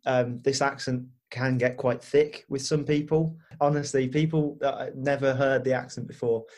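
A man's voice: mid-range voice, fairly even intonation, normal speed, darkish tone. Chatty man. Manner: chatty, self-deprecating, hedges with "I think". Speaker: podcast guest, football club insider. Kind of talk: casual chat.

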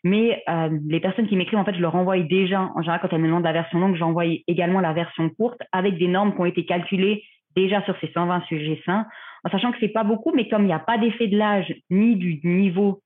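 A woman's voice: on the low side, steady tone, fast talker. A woman in her thirties from Switzerland, a researcher and clinician, answering podcast questions in a careful, explanatory way with many fillers, heard over a remote call. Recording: phone-like remote call audio.

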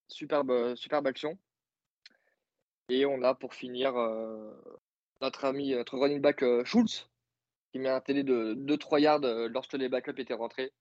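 A man's voice: medium pitch, steady tone, measured pace, a little mellow, no room sound, highs cut off. A man co-hosting a podcast, casually recapping a football game with many fillers and joking asides. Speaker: podcast co-host, football analyst.

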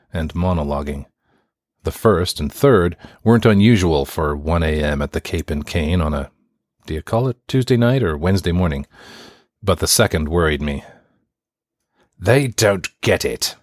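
A man's voice: sits low, dry recording, clean studio sound. A man narrating a scripted first-person short story.

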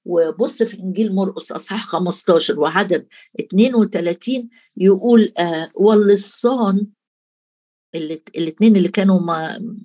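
A woman's voice: fairly low pitch, darkish tone. A woman with an Egyptian Arabic accent preaching a conversational sermon, speaking straight to the listener. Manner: conversational, addresses listener directly.

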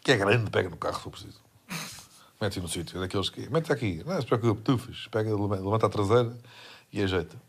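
A man's voice: fairly low pitch, fast, breathy edge. A man with a European Portuguese accent, trading dry quips on a comedy podcast. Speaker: podcast co-host.

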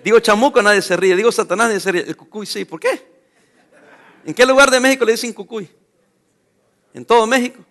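A man preaching a lively sermon as pastor, talking straight to his congregation. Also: sits high, quick pace.

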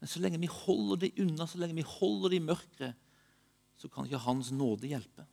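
A man giving a sermon with personal testimony, moving between urgent emphasis and hushed, slow passages. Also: a little high, vocal fry. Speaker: preacher.

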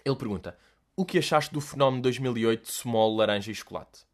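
A young man with a European Portuguese accent, hosting a casual solo chat and answering listener questions in an animated, joking way, full of slang and swearing. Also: mid-range voice, fast.

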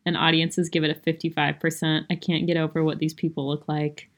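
A woman's voice: low-pitched, flat delivery, fairly quick. A woman co-hosting a casual podcast, reading reviews aloud with self-mocking asides. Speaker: podcast co-host.

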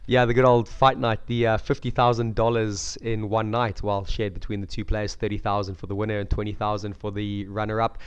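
Man with a croaky, cold-affected voice, dull audio. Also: on the low side, level tone, a little fast, few pauses. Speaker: podcast co-host. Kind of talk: casual sports discussion.

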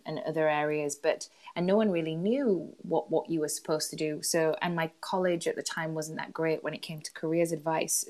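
Chatty Yorkshire woman, low voice. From Yorkshire, England. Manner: chatty, self-deprecating, laughs often. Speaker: guest, employment lawyer. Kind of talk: casual interview chat.

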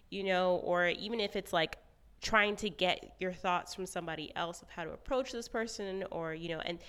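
Brief: woman podcast co-host, rambling and hedging, lowish clear tone. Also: fairly bright tone. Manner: rambling, hedging, self-correcting. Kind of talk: casual chat.

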